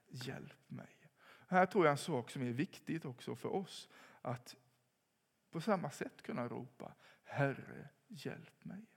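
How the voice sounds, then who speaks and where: A man preaches a sermon in a calm, reflective way, building to moments of emphasis. His voice has a gravelly edge, and a long reverb trails after each phrase, as if the sound fills a church hall. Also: medium pitch.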